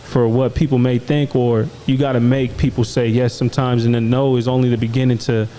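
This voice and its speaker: Laid-back young man hosting, mellow voice. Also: medium pitch, little pitch movement, a little fast, slight background noise, poor audio. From Des Moines, Iowa. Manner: laid-back, slang-heavy, frequent "you know what I'm saying". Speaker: podcast host. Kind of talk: casual conversation.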